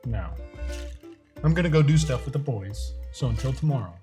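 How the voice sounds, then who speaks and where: A man speaking earnestly and deliberately in short phrases, as a vlogger giving a faith-based motivational talk. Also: medium pitch, lively intonation, warm tone, faint music behind. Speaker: host of a daily challenge vlog.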